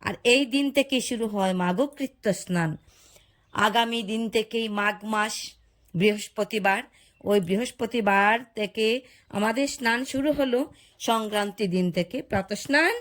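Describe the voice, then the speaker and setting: Slow-spoken woman giving a devotional talk. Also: a little high. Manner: slow, explanatory. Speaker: religious speaker.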